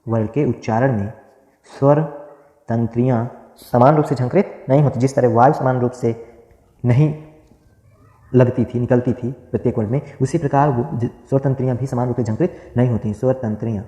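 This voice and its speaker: Guy teaching grammar, dictating notes, keeps repeating himself and quizzing, warm low voice, big echo. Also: fairly even intonation, normal speed. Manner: repetitive, asks and answers his own questions. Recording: echoey room with long reverb.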